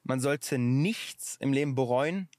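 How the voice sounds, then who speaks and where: A man's voice: mid-range voice, slow, a little mellow, dry recording, studio quality. A man talking in a casual podcast conversation, reflective and sometimes searching for his words. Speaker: podcast guest.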